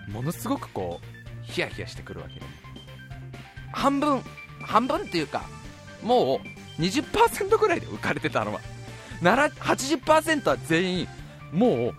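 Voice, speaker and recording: Lively high-voiced man telling stories. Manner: animated, comic, slangy, drops to a hush for suspense. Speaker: podcast host. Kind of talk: casual storytelling.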